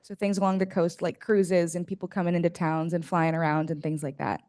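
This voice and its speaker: A woman's voice: fairly low pitch, level tone, brisk, darkish tone. A woman from the audience asking a conference panel an earnest, carefully worded question.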